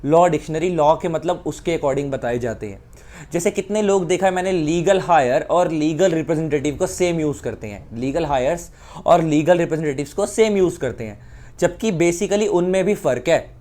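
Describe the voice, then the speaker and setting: एक भारतीय पुरुष शिक्षक, जो हिंदी और अंग्रेज़ी मिलाकर उदाहरणों के साथ कानून समझाता है।. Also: male voice, fairly high pitch, normal speed, dark tone. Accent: Indian. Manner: explains with repeated examples, mixing Hindi and English. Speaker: law teacher. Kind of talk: explanatory lecture.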